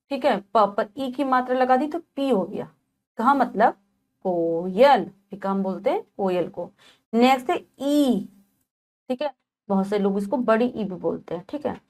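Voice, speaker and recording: Slow, patient woman teaching children. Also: mid-range voice, a little mellow. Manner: slow, patient, spells out letters one by one; checks in often with "okay". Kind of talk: textbook lesson explaining Sanskrit vowel signs to children.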